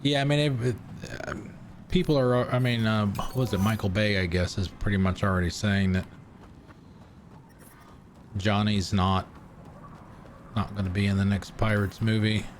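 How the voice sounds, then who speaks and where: A man's voice: lowish voice, fairly even intonation, normal speed, pauses often, a little hiss or hum. A man streaming a video game, chatting casually in a rambling, hesitant way with many fillers. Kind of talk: casual gameplay chat.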